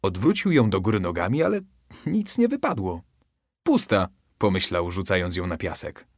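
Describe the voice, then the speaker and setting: A man reading a bedtime story aloud as scripted narration, expressive and dramatic. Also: brisk, no room sound, studio quality. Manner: expressive, with lively shifts in pitch.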